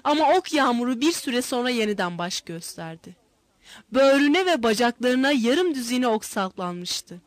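A woman narrating an adventure story aloud in a measured, expressive audiobook reading. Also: a little high, dry recording.

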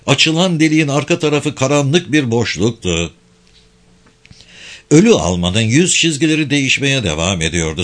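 A man narrating a war novel as an audiobook, with tense, expressive storytelling. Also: mid-range voice.

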